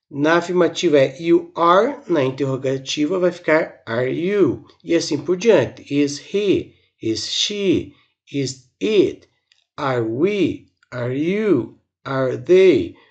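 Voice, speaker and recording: Brazilian male teacher, slightly high voice, slow, methodical, lo-fi recording. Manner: slow, explains step by step and drills examples. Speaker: English teacher. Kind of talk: recorded online grammar lesson.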